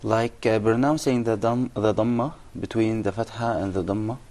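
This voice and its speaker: A man's voice: on the low side, steady tone, normal speed, darkish tone. A male student answering his teacher's questions hesitantly, with many fillers.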